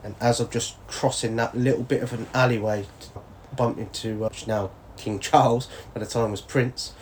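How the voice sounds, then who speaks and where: A man's voice: medium pitch, steady tone, normal speed, a little hiss or hum. A man, a former soldier chatting as an interview guest, laughing often and acting out the voices of people in his stories. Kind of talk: casual interview storytelling.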